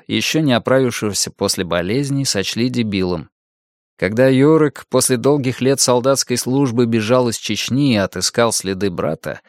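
A man narrating a novel as an audiobook, in a measured, even storytelling delivery. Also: mid-range voice, dry recording, studio quality. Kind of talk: scripted narration.

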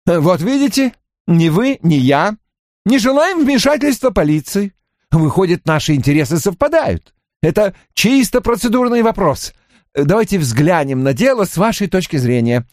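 A man's voice: sits high, big pitch swings, moderate pace, a little mellow, dry recording, studio quality, pitched above the performer's own voice. A man reading an audiobook, voicing a pushy, persuasive male businessman who keeps pressing his offer. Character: pushy smooth-talking male businessman, insistent. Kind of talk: audiobook character voice.

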